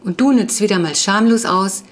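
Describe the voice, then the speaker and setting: A woman reading the part of a thoughtful, soft-hearted middle-aged father in an audiobook, with a dry, grumbling manner. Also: mid-range voice, moderate pace, close to an everyday voice.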